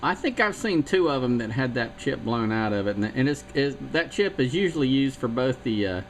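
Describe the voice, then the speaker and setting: Speaking fairly quickly and very animatedly at a medium pitch, this radio hobbyist from South Carolina wanders thoughtfully through circuit details, leaning on plenty of fillers in his technical chat about radio circuits.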